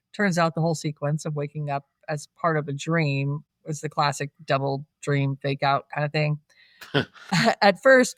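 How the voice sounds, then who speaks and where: A podcast co-host in casual chat, recapping a film plot with frequent laughs and animated asides. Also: medium pitch, dry recording, studio quality.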